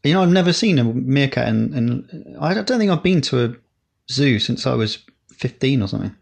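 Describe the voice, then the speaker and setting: Male podcast co-host, gravelly, rambling chatty delivery. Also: medium pitch, lively intonation, moderate pace. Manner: rambling, hesitant, many fillers. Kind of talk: casual chat.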